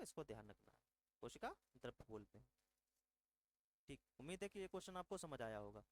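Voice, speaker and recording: Fairly high-voiced teacher drilling exam answers. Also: male voice, slight background noise, rough recording. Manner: repetitive, quizzing the viewers and answering himself; drills facts with reminders to memorise them. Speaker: exam-prep science teacher. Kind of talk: online exam-prep lesson.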